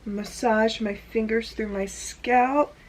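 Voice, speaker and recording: A woman's voice: fairly high pitch, steady tone, slow. A woman talking casually through a hair tutorial, chatty and full of "like" fillers. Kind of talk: casual step-by-step demonstration. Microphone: camera in front of her.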